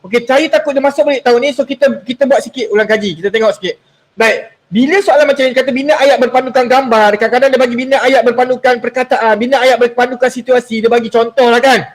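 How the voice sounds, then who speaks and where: A man's voice: very high voice, fairly even intonation, fast. A young man with a Malaysian Malay accent, a religious teacher giving a playful exam revision class to students. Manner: playful, storytelling, coaxing students.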